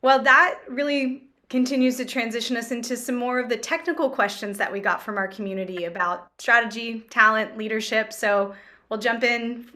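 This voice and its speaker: A woman's voice: a little high, moderate pace, sharp tone. A woman hosting a business Q&A interview, friendly and enthusiastic as she introduces topics and asks questions. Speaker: interview host, company executive.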